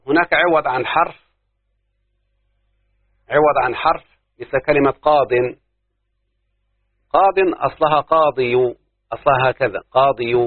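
A man's voice: mid-range voice, dry recording. Egyptian man teaching grammar, tinny sound. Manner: explains step by step, quizzes the class with questions. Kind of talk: classroom lesson on Arabic grammar. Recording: tinny phone-like dry recording.

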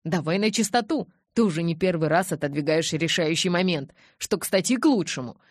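A woman doing a loud, furious young werewolf man. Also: lowish voice, lively intonation, fairly quick, no echo, clean studio sound. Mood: mocking. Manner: loud, mocking then shouting angrily. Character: young man, hot-tempered werewolf friend.

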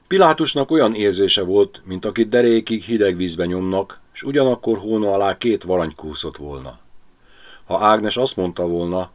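Male narrator, audiobook, low voice, lively expressive reading, lo-fi sound. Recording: lo-fi home audiobook recording.

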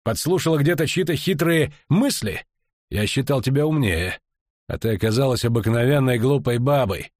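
A man's voice: mid-range voice, lively intonation, moderate pace, a little mellow, dry recording, studio quality, voice pushed up, natural voice. A man reading an audiobook, voicing a menacing middle-aged coroner who drawls with venom and threats. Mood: threatening.

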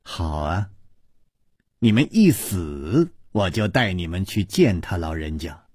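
A man's voice: deep voice, very animated, slow pace, slightly rough, no room sound, clean studio sound, voice pushed down, exaggerated voice. A male storyteller voicing a haughty young woman disciple who speaks sharply and coldly. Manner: sharp and cold.

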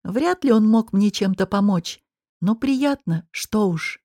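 A woman reading a first-person audiobook in a measured, expressive storytelling manner. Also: medium pitch, no echo, studio quality. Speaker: audiobook narrator.

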